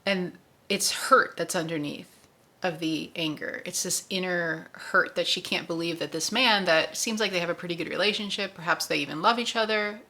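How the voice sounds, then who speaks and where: A woman's voice: fairly low pitch, moderate pace, sharp tone. A woman hosting a book club discussion, chatty and conversational, often correcting herself as she goes.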